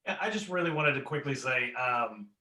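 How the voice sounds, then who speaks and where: A man gives an earnest, rambling toast over a video call. His voice is bright and forceful. The sound carries a roomy echo around it. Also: medium pitch, expressive, normal speed. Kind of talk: casual toast.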